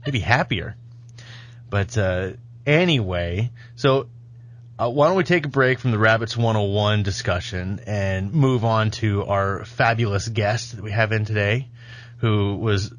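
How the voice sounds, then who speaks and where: A man's voice: fairly low pitch, a little slow. Jokey man hosting a podcast. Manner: jokey, self-mocking, rambling. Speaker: podcast host. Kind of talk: casual podcast chat. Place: studio.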